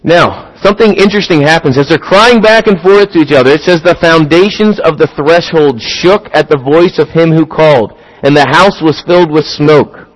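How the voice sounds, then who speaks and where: A man's voice: a little high, normal speed, few pauses, poor audio. A man preaching a sermon, talking through rhetorical questions and building to emphatic, rising points.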